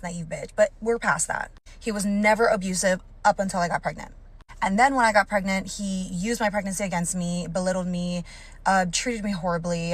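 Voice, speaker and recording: A woman from Hawaii telling her own story in a candid, blunt way, swearing casually as she goes. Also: fairly low pitch. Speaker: storytime TikTok creator.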